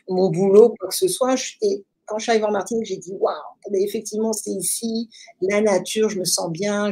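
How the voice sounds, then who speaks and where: A woman with a French accent answers an interviewer at length in a relaxed, storytelling way. Her voice is mellow and slightly husky, with an ordinary middle pitch. She thinks aloud, filling pauses with soft hesitations. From France. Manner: reflective, animated storytelling with many fillers. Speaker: interview guest. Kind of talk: casual conversational storytelling.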